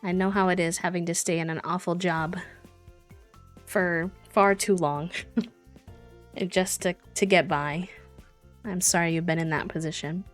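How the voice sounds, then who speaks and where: With music in the background, the same kind of scene plays out: a woman streamer running a charity gaming livestream talks casually mid-game. She speaks on the low side in a steady tone, at a measured pace with long pauses.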